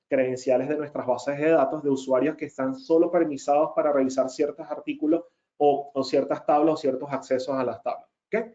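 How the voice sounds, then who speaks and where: A man's voice: fairly high pitch, mellow. A man giving a technical webinar presentation as a data consultant, explaining step by step and often checking in with his listeners. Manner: emphatic repeated denials. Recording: muffled lo-fi audio.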